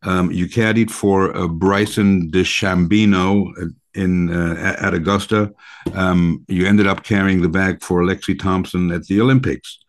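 Guy hosting a radio talk show, kinda low voice, halting and chatty, picks his words slowly. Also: fairly even intonation. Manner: halting, hesitant, deliberate phrasing.

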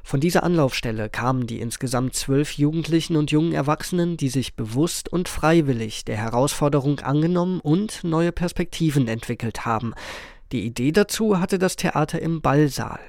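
A man's voice: fairly high pitch, expressive, normal speed, vocal fry, a little mellow, no room sound. Brief: male radio reporter, earnest scripted feature voice-over, dry studio.

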